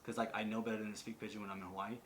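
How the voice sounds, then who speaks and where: A man's voice: fairly low pitch, level tone, racing, a bit bright, slight background noise. A man hosting a podcast in casual chat, rambling and swearing, with lots of filler words. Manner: rambling, profane, full of "like". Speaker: podcast host.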